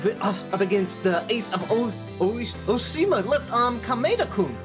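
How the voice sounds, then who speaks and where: Animated woman haltingly reading game dialogue. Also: fairly high pitch, music in the background. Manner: halting, stumbling over written lines. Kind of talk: reading game dialogue aloud among friends.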